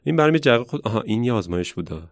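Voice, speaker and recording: A man who works as a science educator, telling stories in a relaxed conversational way and thinking aloud as he reflects. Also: medium pitch, dry recording. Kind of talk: casual conversational storytelling.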